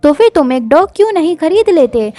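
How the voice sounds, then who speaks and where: A woman doing a quick-tempered young noblewoman. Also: high-pitched, big pitch swings, mellow, no room sound. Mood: exasperated. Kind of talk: manhwa recap voice acting.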